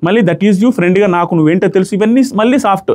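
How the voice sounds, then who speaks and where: A man with a high voice talks quickly. He breaks down a reality show in casual commentary, mixing in English phrases as he argues his points. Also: a little mellow. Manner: rapid, analytical, mixes in English phrases.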